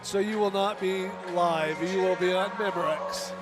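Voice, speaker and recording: A man's voice: high-pitched, fairly even intonation, moderate pace. A man in his sixties announcing a dirt race outdoors, trading jokes and memories in casual commentary. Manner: joking, reminiscing banter. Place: outdoors at a racetrack. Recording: loud music playing behind. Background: loud music.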